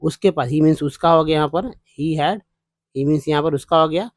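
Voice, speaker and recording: A man teaching spoken English, reading text slowly word by word and explaining how each word is pronounced. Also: on the high side, steady tone, no echo.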